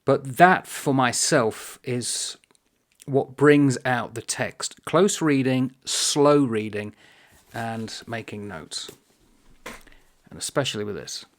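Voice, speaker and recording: A middle-aged man talking about books in a thoughtful, unhurried way, pausing often as he muses aloud. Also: medium pitch. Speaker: book vlogger. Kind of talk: reflective book vlog talk.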